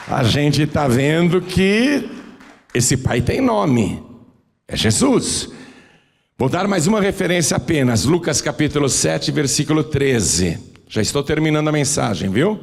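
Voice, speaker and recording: A man's voice: medium pitch, vocal fry, long reverb tail. A man with a Brazilian Portuguese accent preaching a sermon to a church, swinging his voice up and down for drama as he tells scripture stories. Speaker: pastor.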